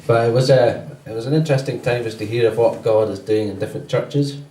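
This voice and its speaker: A man's voice: mid-range voice, quick pace, warm tone, a little hiss or hum. A man giving the church notices in a loose, conversational way with many ums. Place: church hall. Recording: roomy church sound from a distance.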